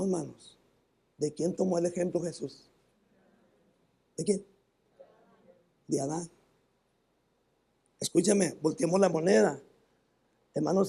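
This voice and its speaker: High, gravelly northern Mexican pastor. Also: male voice, dark tone. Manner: repeats "hermano" often, halting restarts. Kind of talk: sermon with personal testimony. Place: church.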